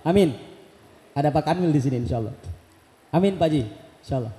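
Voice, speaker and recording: A man leading an Islamic boarding school gives a ceremonial welcome speech in a mosque, fervently leading takbir chants and retelling conversations with animated energy. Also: on the high side, fast talker. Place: large mosque hall. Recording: echoey PA sound in a big hall.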